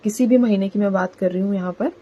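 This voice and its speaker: Chatty woman reading tarot, mellow voice. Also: medium pitch, fast talker, rough recording. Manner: chatty, repeats "theek hai" as a filler. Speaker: tarot reader. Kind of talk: casual collective tarot reading.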